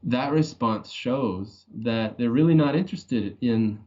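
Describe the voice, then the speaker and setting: A man's voice: mid-range voice, unhurried, a little mellow. A male guest speaking in a conversational podcast interview, earnest and reflective, working through hypothetical questions. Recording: dull lo-fi audio.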